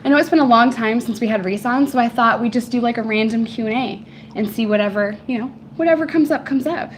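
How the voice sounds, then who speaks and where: Higher-voiced woman with a hoarse, failing voice. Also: quick pace, a little hiss or hum. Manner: playful, teasing, slangy. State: voice giving out, hoarse from recent voice loss. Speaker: host of a live stream. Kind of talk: casual live-stream chat with viewers.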